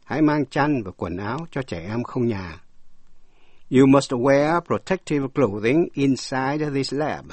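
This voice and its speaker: A man giving a scripted vocabulary lesson, spelling words letter by letter and reading English examples slowly before explaining them. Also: mid-range voice, expressive, darkish tone, dry recording. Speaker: English teacher.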